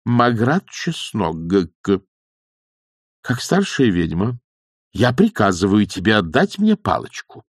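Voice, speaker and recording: A man's voice: on the low side, very animated, slow pace, slightly rough, dry recording, clean studio sound, exaggerated voice. A man voicing a stern, bossy old woman witch who speaks curtly and commands. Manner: curt, commanding.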